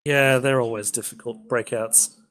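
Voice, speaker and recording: A man's voice: medium pitch, fairly even intonation, moderate pace, fairly bright tone. A man co-hosting a casual gaming podcast, rambling with lots of ums and the odd swear. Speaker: podcast co-host.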